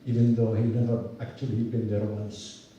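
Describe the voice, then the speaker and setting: An older man from Palestine, a university professor, giving an earnest, measured rally speech outdoors. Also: on the low side, flat delivery, warm tone, very echoey, recorded from a distance, slight background noise, rough recording. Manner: earnest, measured storytelling with restarts.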